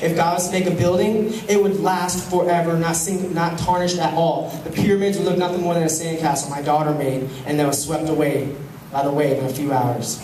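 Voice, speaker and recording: Young male pastor, mellow dark voice, animated sermon, recorded from far back in a roomy hall with faint hum. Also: a little high, a little fast. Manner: animated, swings from loud to hushed. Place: large church hall with stage. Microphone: handheld mic, filmed from the pews.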